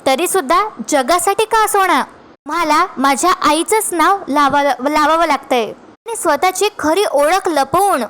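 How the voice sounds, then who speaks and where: A woman acting out a calm young woman who confronts her rival in a slow, cutting tone. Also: sits high. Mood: taunting.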